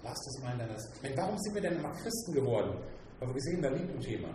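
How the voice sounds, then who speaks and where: A male preacher delivers a sermon slowly and emphatically, speaking straight to the congregation. His voice rings through a very echoey church hall with clear room noise around it. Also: mid-range voice, big pitch swings. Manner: slow, emphatic, addresses listeners directly.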